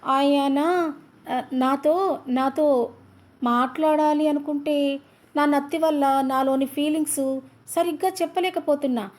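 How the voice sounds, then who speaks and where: A woman's voice: high voice, steady tone, measured pace, darkish tone. A woman voicing a shy young bride who stammers and halts over her words. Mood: flustered.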